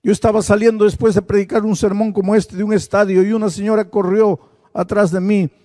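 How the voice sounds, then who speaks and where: A man's voice: high voice, little pitch movement, brisk, dark tone. A male preacher delivering a sermon, telling a story with dramatic storytelling emphasis. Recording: echoing large hall with long reverb.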